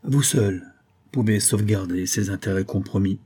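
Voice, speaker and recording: A man reading an audiobook, voicing a smooth-talking older viscount with falsely affectionate manners. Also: lowish voice, normal speed, dark tone. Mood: honeyed.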